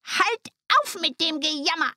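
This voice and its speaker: A woman voicing a cruel, greedy old witch in a storybook reading, with a high shrill scolding voice. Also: animated, a little slow, sharp tone, dry recording, studio quality, heavily acted. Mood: bossy.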